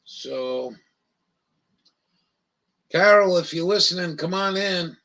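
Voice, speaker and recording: A man's voice: sits high, slow, sharp tone, poor audio. A man with a Maine accent, hosting a livestream in crude, joking, rambling chat and mockingly reading things aloud. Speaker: livestream host.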